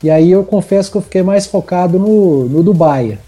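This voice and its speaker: Very dark-voiced Brazilian man. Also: high voice, moderate pace, faint music behind. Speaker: sports radio journalist and podcast panelist. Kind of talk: casual football chat.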